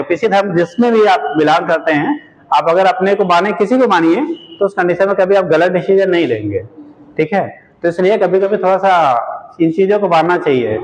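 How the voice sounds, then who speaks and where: A man's voice: high-pitched, poor audio. A male physics teacher giving a classroom lecture, addressing his students as "beta" and repeating his questions for them to answer.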